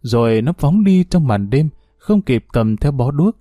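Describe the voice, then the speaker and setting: Male story reader, steady and even, mellow tone, dry close sound. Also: mid-range voice, measured pace, no echo. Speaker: narrator. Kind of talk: storybook narration.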